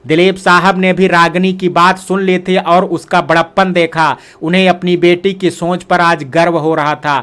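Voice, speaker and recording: A man narrates a scripted audio story, steady and dramatic. His voice sits notably high for a man. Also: moderate pace, few pauses, smooth.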